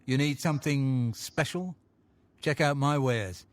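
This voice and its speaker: A man's voice: mid-range voice, unhurried, lightly acted. Man acting a furtive, shady back-alley dealer. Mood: sly. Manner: furtive, conspiratorial. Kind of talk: video game character dialogue.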